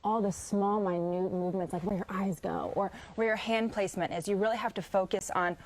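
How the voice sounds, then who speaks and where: A woman's voice: medium pitch, fairly even intonation, a little fast, a little mellow. Poised young American woman giving pageant-style answers. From Indiana, United States. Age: 20s. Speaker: interview guest, pageant contestant. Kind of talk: conversational interview answers.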